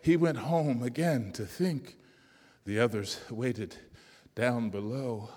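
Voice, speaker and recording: A man telling a folk tale to listeners, slow, gentle and often dropping to quiet. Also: medium pitch, slightly rough. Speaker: storyteller. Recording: long hall reverb.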